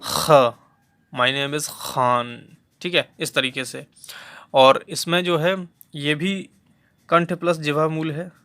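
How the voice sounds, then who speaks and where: A male teacher with a bright, fairly high voice gives a lecture on phonetics. He talks slowly and patiently, repeating terms and pronouncing each sound aloud to demonstrate it. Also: steady tone. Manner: patient, repeats key terms and demonstrates sounds aloud, frequent "theek hai" check-ins. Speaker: Hindi teacher for exam preparation.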